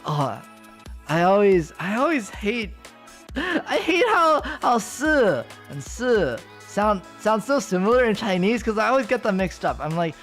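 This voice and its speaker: Chatting with viewers on a livestream, a young American VTuber rambles, giggles, and keeps restarting amid plenty of fillers. His voice sits high with big pitch swings and a fairly bright tone, delivered unhurriedly. Soft music plays in the background.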